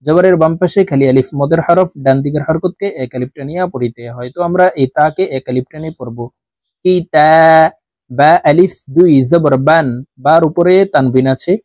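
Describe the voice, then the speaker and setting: A man teaching Quran letter reading, spelling out each syllable and then slowly drawing out the whole word. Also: on the high side, darkish tone, no room sound. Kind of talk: slow spelled-out recitation lesson.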